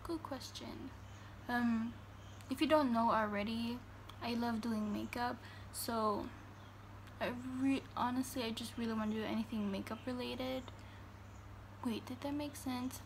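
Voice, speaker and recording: A German teenage girl who vlogs answers fan questions from her bedroom, reading each one out slowly and chatting casually with plenty of fillers. Her voice sits on the high side, and the phone camera held at arm's length picks up slight background noise.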